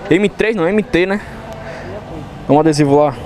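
A young motorcycle vlogger from Recife, Brazil, speaks Portuguese with a Pernambuco accent, hyping bikes in a showroom. His voice is a little high at normal speed, and his chat is excited and slangy. He records on a chest-mounted action camera.

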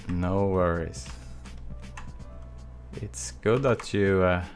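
Soft music plays in the background as a Swedish live stream instructor in his thirties, with a Swedish accent, talks very slowly in a low voice. He's working on a texturing tutorial in a small home studio with a desk mic and webcam, relaxed and chatty, answering viewers between long silences.

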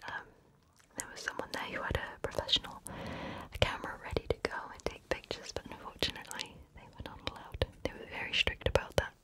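A woman whispering softly and very close to the microphone in an ASMR style, chatting casually and reflectively about her travels. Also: a little fast. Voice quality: soft unvoiced whisper. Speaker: ASMR creator.

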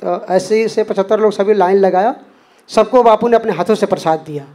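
A man's voice: high voice, fairly quick, dark tone. A man giving an earnest spoken testimony as a devotee, acting out the dialogue he quotes. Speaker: devotee sharing a personal experience.

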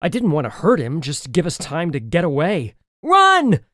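Male audiobook narrator, fairly high and very animated, dry studio sound. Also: a little fast, no echo. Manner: expressive, lively storytelling. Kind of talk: first-person audiobook narration.

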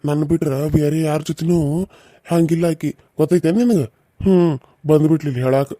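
Someone playing a hot-tempered young village husband, fast and dark. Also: medium pitch, no echo, studio quality, natural voice. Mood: threatening. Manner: rough, threatening and scolding.

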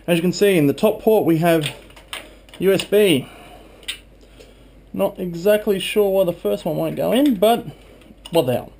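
Sitting high in pitch, this man's voice is gravelly yet mellow, unhurried, with frequent pauses. He's in his twenties, giving an informal, chatty hands-on vlog narration on a handheld camera in a small home room. Faint background noise runs underneath.

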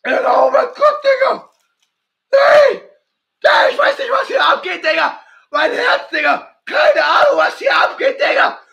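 A shrieking, frantic young fan. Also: male voice, very high-pitched, a little slow, vocal fry, a faint crowd, voice pushed up, full character voice. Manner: shouting slang, repeats "Digga" constantly. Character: hysterical young male fan overwhelmed by donations. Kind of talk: livestream comedy sketch.

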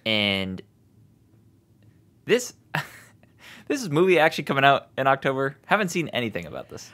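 A man's voice: medium pitch, big pitch swings, moderate pace, a bit bright. A young man co-hosting a podcast, laid-back and joking in casual chat. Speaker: podcast co-host.

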